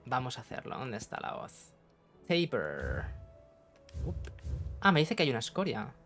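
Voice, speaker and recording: A man's voice: mid-range voice, wildly swooping pitch, normal speed, fairly bright tone, faint music behind. A man with an accent from Spain giving jokey, casual let's-play commentary, talking to the screen and swearing freely. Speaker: gaming streamer.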